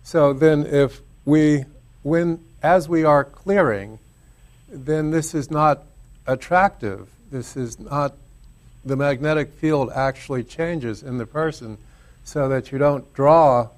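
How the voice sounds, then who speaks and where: A man's voice: on the high side, slow pace. A man co-hosting a spiritual talk show, coaching a caller and checking that she follows. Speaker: show host. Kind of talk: spiritual talk radio chat.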